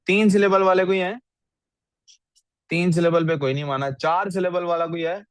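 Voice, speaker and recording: A man's voice: high-pitched, steady tone, moderate pace, clean tone, no echo. A male English teacher on a video call, reviewing student writing and questioning the class, mixing English into his speech. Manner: questions the class often, mixes English into Urdu.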